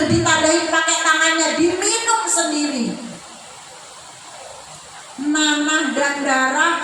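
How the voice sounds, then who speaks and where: A woman with a high voice delivers a dramatic sermon, sliding into a sing-song chant as she preaches. She speaks slowly and heard from some distance off the mic. The room echoes heavily, with clear background noise. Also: bright, forceful tone. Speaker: religious teacher. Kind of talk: Islamic sermon to women.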